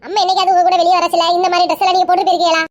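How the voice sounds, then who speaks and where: Woman voicing a shrill nagging daughter. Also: flat delivery, racing. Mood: lecturing. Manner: nagging, lecturing. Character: scolding grown daughter pleading with her father. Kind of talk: comedy skit acting.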